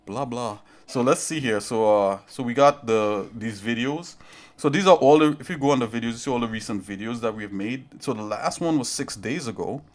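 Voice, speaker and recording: A man's voice: mid-range voice, a bit bright. Man, livestream host, casual tutorial, rambling, chatty. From Trinidad and Tobago. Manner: rambling, chatty, talks straight to viewers.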